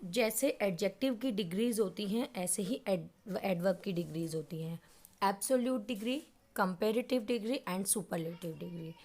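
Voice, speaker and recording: A woman's voice: medium pitch, moderate pace, a little mellow. A woman teaching English grammar in Hindi, patiently explaining and reading out word lists.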